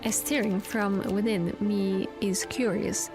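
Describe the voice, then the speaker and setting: A woman voicing a stiff, formal café customer who gives a presentation in a flat, robotic manner, with music playing behind. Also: medium pitch, slow pace.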